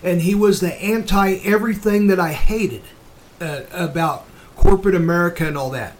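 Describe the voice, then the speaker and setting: A man with a notably high-pitched voice hosts a casual talk show. He delivers opinionated commentary bluntly and emphatically, swearing freely as he goes. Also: moderate pace. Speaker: show host.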